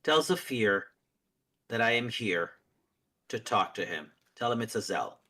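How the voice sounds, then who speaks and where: A man voicing a terse male guide in a tabletop game, dropping his voice lower. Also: animated, measured pace, sharp tone. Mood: firm.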